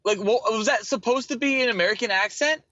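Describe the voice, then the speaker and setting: A man's voice: extremely high pitch, fast talker, sharp tone, no echo. A man co-hosting a casual podcast chat, joking and teasing his co-host. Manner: joking, teasing, laughs easily. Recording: dull lo-fi mic.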